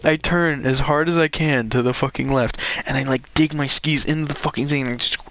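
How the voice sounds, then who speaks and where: A young man hosting a podcast, telling a story in casual chat with lots of swearing and shouted reenactments. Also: mid-range voice, steady tone, brisk, a little hiss or hum. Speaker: podcast host.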